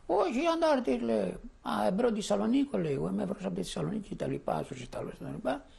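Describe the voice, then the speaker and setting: An older man from Thessaloniki recounting his memories in an interview. His voice is gravelly and sits somewhat high, and his pitch swings widely as he acts out the people in his story. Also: animated, dark tone. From Thessaloniki, Greece. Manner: vivid storyteller acting out quoted voices. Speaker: interviewee giving testimony. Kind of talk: spoken memoir testimony.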